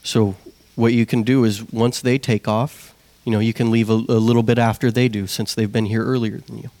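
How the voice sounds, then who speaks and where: A man's voice: medium pitch, level tone, normal speed, a little mellow, no echo. A young man preaching a plain, conversational sermon, putting one question after another to the congregation. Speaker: lay preacher.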